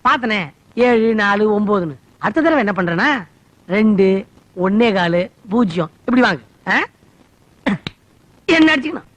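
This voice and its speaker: A man's voice: sits high, animated, moderate pace, pauses often, fairly bright tone. An actor playing an easygoing father who jokes and teases his wife and indulges his son in a film comedy. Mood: joking. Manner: teasing and playful. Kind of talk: film comedy scene acting.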